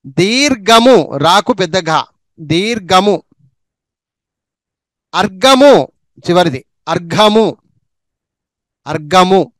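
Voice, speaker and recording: A man teaching reading who says each word slowly two or three times and adds quick asides on how to practise. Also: sits high, a bit bright, no echo. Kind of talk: slow spelling and pronunciation drill.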